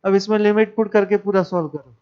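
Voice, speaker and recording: Male math teacher, high clear voice, talks students through each step, dull lo-fi recording. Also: steady tone, quick pace. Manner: explains step by step, questions the class. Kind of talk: classroom lecture.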